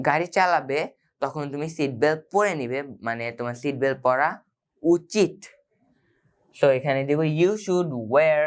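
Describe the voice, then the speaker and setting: A clear, smooth-voiced teacher works through grammar exercises one by one. English sample sentences come out slow and carefully read. Each one is followed by brisk, casual explaining. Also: medium pitch.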